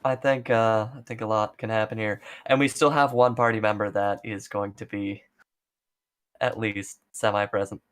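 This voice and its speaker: A man's voice: lowish voice, flat delivery, moderate pace. A man chatting casually as a player in a tabletop role-playing game. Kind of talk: casual chat.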